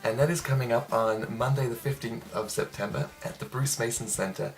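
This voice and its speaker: A young man, a trumpet player casually answering interview questions in a relaxed, chatty way with frequent ums. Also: medium pitch, normal speed, gravelly. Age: young adult.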